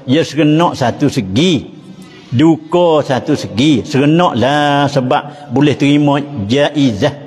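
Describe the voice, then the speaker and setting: A man with a Patani Malay accent preaches in a mosque, telling stories with chuckles and chanting Arabic phrases. His voice is fairly high and husky. The sound rings with a long hall echo. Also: unhurried, darkish tone, soft background music. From southern Thailand. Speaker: religious teacher. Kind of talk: Islamic sermon.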